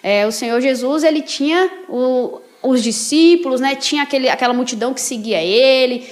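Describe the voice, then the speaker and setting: A woman speaking as an interview guest, telling personal faith stories in an animated way with frequent tag questions. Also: high-pitched, normal speed. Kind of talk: casual testimony chat.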